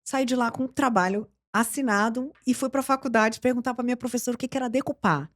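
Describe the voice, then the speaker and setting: A middle-aged Brazilian journalist and TV presenter tells stories from her career during an interview chat. She's a lively storyteller who acts out the quoted dialogue. Her voice is a little high and her pace quick.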